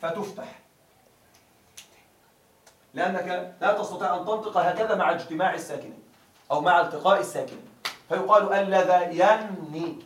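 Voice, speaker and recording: A male grammar teacher with a high voice lectures a class. He drags out each example word and keeps checking that the students follow, heard from a distance in an echoing room. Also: fairly bright tone, slight background noise. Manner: keeps asking students if it is clear; drawls example words slowly. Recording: echoey room, mic far off.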